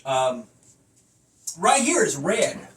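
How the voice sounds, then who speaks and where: A slightly bright, high-leaning male voice draws out its words and swings widely in pitch. He chats casually through a rambling hobby review in a folksy, self-deprecating, mildly profane way, recorded on a phone at a distance with lots of noise.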